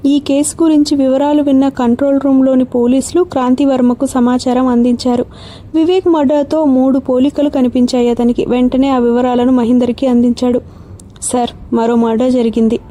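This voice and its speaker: A woman reading a crime novel aloud as a steady audiobook narrator. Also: high voice, brisk. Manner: steady storytelling.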